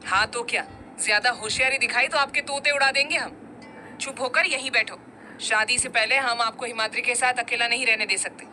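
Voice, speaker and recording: Woman doing a bossy heavy-voiced guy, scolding and short-fused, kinda high for a man. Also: brisk, bright, forceful tone, slight background noise. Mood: stern. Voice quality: heavy deep-toned voice. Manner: stern, scolding. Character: stern commanding young man, hot-tempered older brother.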